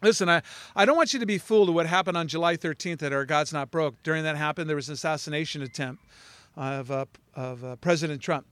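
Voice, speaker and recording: A man's voice: a little high, quick pace, a bit bright, clean tone, dry recording. A man preaching a sermon in a rambling, emphatic way, with many restarts and fillers. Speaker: pastor.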